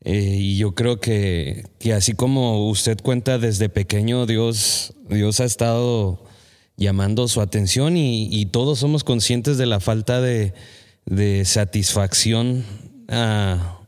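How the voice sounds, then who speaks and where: Low-voiced man hosting a church podcast. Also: slow pace, a little mellow. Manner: reflective, quotes scripture, gives frequent affirming "ujú". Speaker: podcast host.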